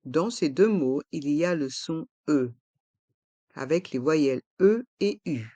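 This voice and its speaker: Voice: mid-range voice, expressive, slow pace, dark tone, dry recording. A pronunciation teacher giving a language lesson, carefully articulating each word and repeating it several times. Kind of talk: pronunciation lesson with slow repetitions.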